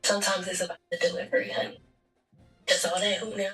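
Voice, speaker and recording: A woman's voice: mid-range voice, little pitch movement, fast, reverberant, recorded from a distance, music in the background, low-quality recording. A woman speaking in character during a game roleplay, firm yet consoling, like a big sister setting a friend straight. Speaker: roleplay gamer.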